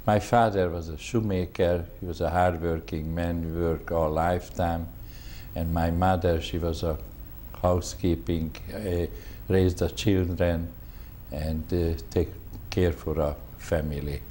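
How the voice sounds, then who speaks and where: A Hungarian-accented man in his seventies speaks English slowly in a very low, dark, mellow voice. He halts often and searches for words, and he stays polite throughout. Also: fairly even intonation, slight background noise. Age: 70s. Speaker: veteran interviewee. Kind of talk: oral history interview.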